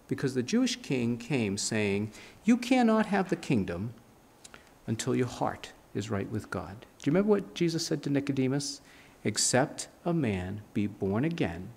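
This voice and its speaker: Animated man preaching from a pulpit. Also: medium pitch, gravelly. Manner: animated, emphatic preaching with sweeping gestures. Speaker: pastor. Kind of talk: sermon. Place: church sanctuary, standing at a pulpit. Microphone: pulpit mic, filmed by a fixed camera.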